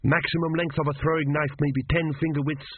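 A man's voice: fairly high pitch, flat delivery, brisk, slightly rough, no echo, pitched above the performer's own voice. A man doing a jittery young student assassin. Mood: nervous, formal. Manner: formal, says sir constantly, anxious. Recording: tinny phone-like sound.

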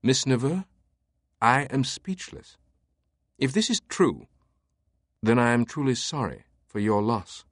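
A man's voice: mid-range voice, very animated, slow pace, long pauses, dry recording, clean studio sound, pitched above the performer's own voice. A man voicing an aristocratic older male Grail scholar, clipped and indignant. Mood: stunned.

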